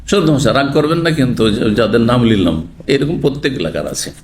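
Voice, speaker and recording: A man's voice: mid-range voice, fairly quick, a little hiss or hum. A middle-aged man giving a classroom religious lecture on hadith, often quizzing his listeners. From Bangladesh or West Bengal border region. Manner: questions the audience, lively teaching tone. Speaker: Islamic scholar teaching hadith.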